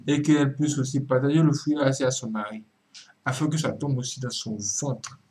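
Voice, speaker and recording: A man preaching in a video commentary, swinging from emphatic cries down to low murmured asides and repeating words for emphasis. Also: fairly quick, a little mellow. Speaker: religious commentator.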